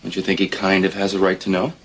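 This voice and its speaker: An actor playing a wry, protective young man in a 1980s soap opera, speaking dryly and sarcastically with halting fillers. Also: sits low, completely flat delivery, slight background noise, close to an everyday voice, low-quality recording. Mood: wry, concerned.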